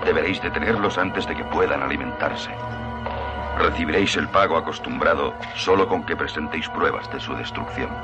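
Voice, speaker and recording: An actor playing a stern, authoritative space prison chief in a dubbed science-fiction film. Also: male voice, a bass voice, fairly quick, loud music behind the voice. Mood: stern, commanding. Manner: authoritative, commanding.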